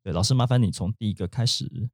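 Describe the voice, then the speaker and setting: A man's voice: on the low side, fast talker, no echo, clean studio sound. A man hosting a casual podcast, steadily prompting his co-host and guiding the segment. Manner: steady backchanneling, guides the segment.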